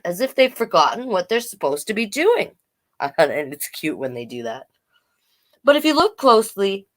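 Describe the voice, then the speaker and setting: A woman with a somewhat high, slightly bright voice hosts a children's storytime. She reads the picture book aloud with playful expression and pauses for chatty explanations aimed at young listeners.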